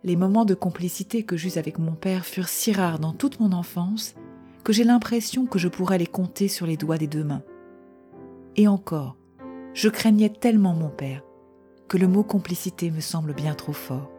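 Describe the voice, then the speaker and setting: A woman calmly reading a first-person short story aloud in a measured voice. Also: on the low side, soft background music.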